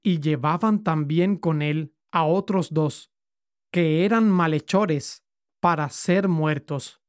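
Woman reading scripture, slightly low voice, dry close sound, measured and formal. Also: darkish tone, no echo. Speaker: scripture reader.

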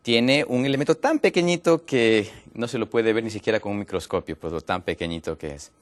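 A man from Ecuador, a guest on a health program, explaining a topic patiently with many pauses and fillers. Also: on the low side.

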